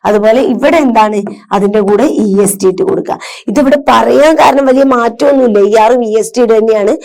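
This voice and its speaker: A woman's voice: fairly high pitch, fairly quick, darkish tone. A woman teacher patiently explaining grammar to children, asking and answering her own questions. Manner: patient, asks and answers her own questions, mixes English terms into Malayalam.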